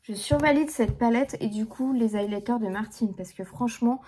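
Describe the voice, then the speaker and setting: A woman's voice: a little high, normal speed, noisy background. A young woman chatting casually through a makeup tutorial, full of fillers and restarts. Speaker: beauty vlogger.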